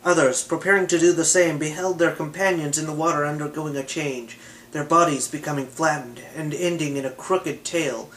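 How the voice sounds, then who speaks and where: Male reader, fairly high voice, steady measured read of a myth. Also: slight background noise, rough recording. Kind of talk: reading a myth aloud.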